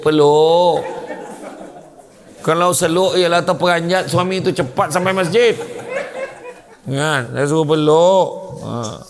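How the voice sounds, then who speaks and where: A man giving a humorous religious lecture, telling comic stories in an animated way. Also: on the high side, creaky. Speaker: preacher. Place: mosque lecture hall.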